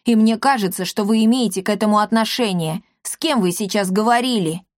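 A woman's voice: mid-range voice, brisk, no echo, close to an everyday voice. Serious, resolute boy, voiced by a woman reader; dry close sound. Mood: earnest. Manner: earnest, stern. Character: determined young boy, serious. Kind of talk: audiobook character voice.

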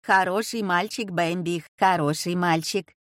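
A woman voicing a squeaky coaxing servant. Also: moderate pace, dry recording, studio quality, natural voice. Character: male servant squeaking like an old toothless woman.

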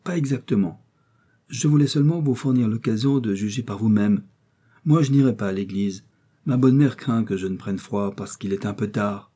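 A courteous, well-to-do gentleman in an audiobook, as a male reader puts him on, calm and reassuring, with a low, husky, mellow voice. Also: normal speed.

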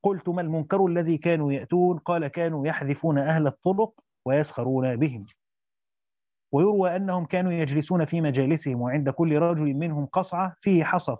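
A teacher works through a Quran commentary, reading classical Arabic quickly and then slipping into loose colloquial asides full of restarts. His voice is slightly high yet dark and mellow, recorded dry and somewhat dull with no room sound or echo.

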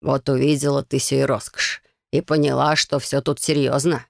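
A woman voicing a fatherly middle-aged husband who speaks slowly and reassuringly. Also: medium pitch, flat delivery, vocal fry, no room sound, studio quality, close to an everyday voice.

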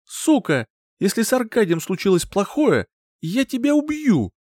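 A man voicing a frantic, furious woman, a grieving mother, in an audiobook, shouting in fierce, high cries. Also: sing-song, moderate pace, dry recording, clean studio sound. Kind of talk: audiobook character voice.

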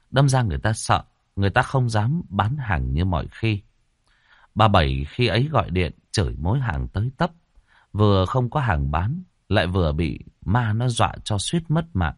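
A man narrating a ghost story in a dramatic, expressive way. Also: lowish voice, dry recording. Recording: dry close voice over faint music.

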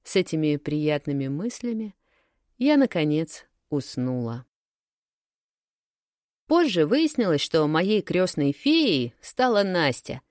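A woman narrating a first-person story for an audiobook, telling it in a lively, expressive way. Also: low-pitched, slow, no echo, clean studio sound.

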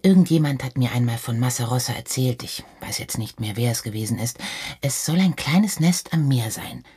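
A man doing a hushed young woman. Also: medium pitch, moderate pace, breathy edge. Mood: musing. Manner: hushed, half-whispered. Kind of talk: audiobook reading.

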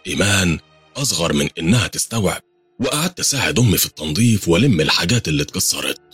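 A man's voice: low-pitched, expressive, racing, fairly bright tone, husky, no room sound, soft background music. A man with an Egyptian accent narrating a first-person horror story in a tense, dramatic way. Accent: Egyptian Arabic.

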